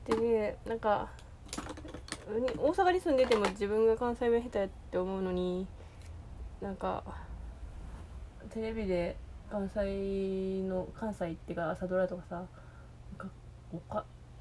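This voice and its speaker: A woman's voice: mid-range voice, fairly even intonation, unhurried, pauses often, dark tone, a little hiss or hum. Rambling Osaka-accented woman chatting. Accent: Kansai (Osaka). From Osaka, Japan. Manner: rambling, hesitant, full of fillers and restarts. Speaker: podcast host. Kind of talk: casual solo chat.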